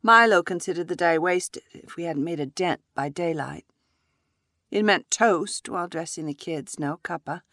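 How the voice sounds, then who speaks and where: A woman with a slightly low voice reads a first-person story in a measured, reflective way. She is recorded close and completely dry, with no room echo. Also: fairly bright tone. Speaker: narrator.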